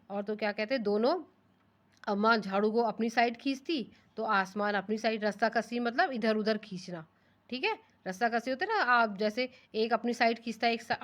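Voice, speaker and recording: Hindi teacher explaining a story to children. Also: female voice, fairly high pitch, fairly bright tone. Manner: rereads lines slowly then explains them in simpler words; asks the class rhetorical questions. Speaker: primary school teacher.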